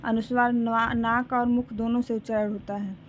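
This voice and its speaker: A woman teacher giving an exam-prep lesson, slowly reading out lists and reminding students to memorize them. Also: on the high side, level tone. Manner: slow, deliberate listing with repeated reminders to memorize. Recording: slightly dull recording with faint room noise.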